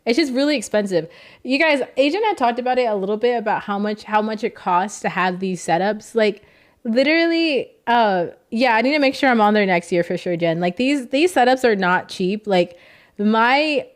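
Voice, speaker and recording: Young woman, streamer, somewhat high voice, emotional, rambling, casual. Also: animated, normal speed. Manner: emotional, rambling, reads out chat. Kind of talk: casual livestream chat.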